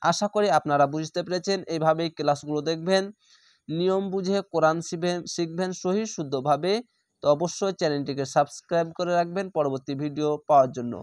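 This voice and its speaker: A man leads a Quran reading lesson, breaking each word into letters and vowel marks and stretching the syllables out. His voice sits a little high for a man. He is recorded on a close, dry mic with no room sound. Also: a little fast, no room sound. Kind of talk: slow spelled-out recitation lesson.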